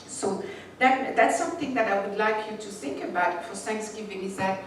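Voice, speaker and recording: Speaking at a moderate pace with a medium-pitched voice, a woman who isn't a native English speaker gives a reflective spiritual sermon, reading some passages aloud and restarting now and then. She's a spiritual teacher, heard from far away in an echoey room with faint noise.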